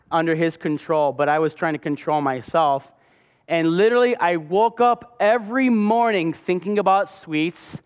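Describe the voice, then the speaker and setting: A man's voice: high voice, clean tone. A man giving a sermon testimony, telling his story with passion. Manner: impassioned, storytelling. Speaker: pastor. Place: church hall. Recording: dull sound with long hall reverb.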